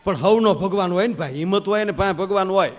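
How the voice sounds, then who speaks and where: A man's voice: high voice, fast talker. A man, a folk comedian, telling jokes on stage and acting out the characters. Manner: animated, acts out characters, big loud swings. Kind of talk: live stand-up storytelling.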